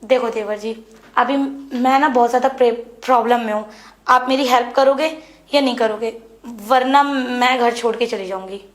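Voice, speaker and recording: A woman playing a frustrated young married woman who pleads with her brother-in-law, insistent and hushed. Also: on the high side, moderate pace, lightly acted. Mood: pleading. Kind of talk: Hindi web series dialogue. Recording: echoey room.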